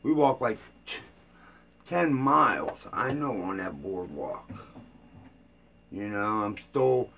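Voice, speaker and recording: An older man rambles to his camera in an unhurried, drawn-out way, his voice rough with vocal fry. His talk is loose and informal, full of fillers and restarts, with a tired edge. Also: fairly low pitch, expressive, a bit bright, slight background noise. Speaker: vlogger. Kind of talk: casual rambling vlog chat.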